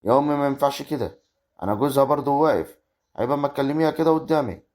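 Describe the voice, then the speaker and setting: A man as a young Egyptian village husband, talking at breakneck speed and exasperated with his mother. His voice is mid-pitched, in a homemade web drama. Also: rapid-fire, a little mellow, close to an everyday voice. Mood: arguing. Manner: exasperated, arguing. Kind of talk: amateur rural family drama acting.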